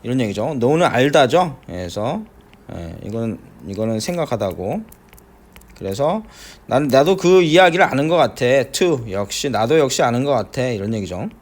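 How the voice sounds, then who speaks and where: A middle-aged man teaching an English listening lesson, breaking down phrases slowly with many fillers and frequent checks that students follow. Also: mid-range voice, big pitch swings. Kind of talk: classroom lecture explaining pronunciation.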